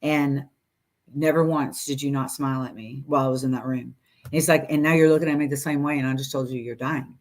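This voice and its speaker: A woman's voice: extremely low pitch, fairly even intonation, brisk. A woman in her forties, a guest on a video call interview, telling her story casually and acting out what her doctors said, with laughs between phrases. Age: 40s. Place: room at home.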